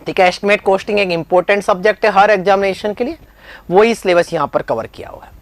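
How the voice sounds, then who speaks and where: A woman's voice: medium pitch, no echo. A woman with an Indian accent teaching a lesson, going through an exam syllabus and listing each topic one by one. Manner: lists topics one by one, slowing on each term. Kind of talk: syllabus walkthrough lesson in Hindi-English mix.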